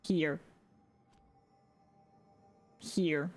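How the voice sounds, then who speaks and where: Streaming a game over background game music, a woman chats casually with viewers, asks them questions, and reads game text aloud. Her delivery is fairly even and a little mellow, with drawn-out words, and she says her voice is fairly deep.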